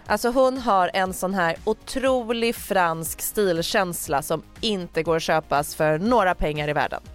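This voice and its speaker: Young female co-host, playful and reflective, faint music underneath. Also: on the low side. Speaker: podcast co-host. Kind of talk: casual chat.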